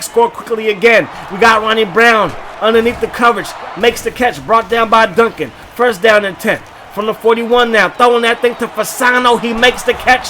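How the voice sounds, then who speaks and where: A man giving lively, joking play-by-play commentary over a football video game, often bursting into shouts. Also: extremely high pitch, a little hiss or hum. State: short of breath at times. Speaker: gaming YouTuber.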